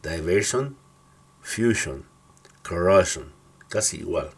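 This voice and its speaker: A man's voice: low-pitched, lively intonation, slow pace, breathy edge. A man teaching English pronunciation, patiently explaining rules and reading out word lists, checking in often with short questions.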